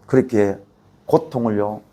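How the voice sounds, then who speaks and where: A man preaching a sermon in a Gyeongsang Korean accent, swinging between loud outbursts and quiet, low passages. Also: measured pace. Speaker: pastor. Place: church sanctuary.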